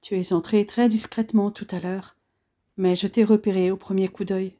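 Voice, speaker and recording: A woman doing a smooth, predatory SS officer in an audiobook, his voice mellow and dark-toned, his courtesy masking a pushy, leering insistence. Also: mid-range voice, little pitch movement, moderate pace, lightly acted.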